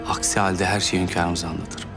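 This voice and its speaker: A man's voice: low-pitched, level tone, fairly quick, vocal fry, over music. An actor playing a defiant, scheming Ottoman pasha in a period drama. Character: defiant Ottoman pasha blackmailing his superior.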